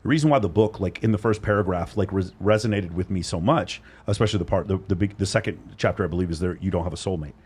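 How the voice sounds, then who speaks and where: A man's voice: low voice, quick pace, few pauses, darkish tone, slightly rough. A man co-hosting a casual interview chat, talking bluntly and rambling, with frequent swearing. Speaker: co-host interviewing women.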